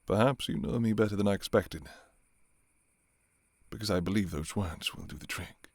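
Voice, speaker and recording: A man playing a courtly, restrained vampire king in an intimate ASMR role-play, speaking formally and softly with some hesitation. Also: on the low side, normal speed, no echo, studio quality. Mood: torn, yearning. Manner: formal, archaic, hesitant, soft-spoken. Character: courtly adult male vampire king, restrained, yearning for his enemy.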